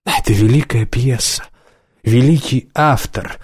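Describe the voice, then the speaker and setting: Svetlana, a man voicing a tipsy husky actress. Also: a little slow, no echo, studio quality. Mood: wistful, tipsy. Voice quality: low husky laugh, breathy hot whisper. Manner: dramatic, insistent, wistful. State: drunk. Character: tipsy former stage actress, woman, theatrical.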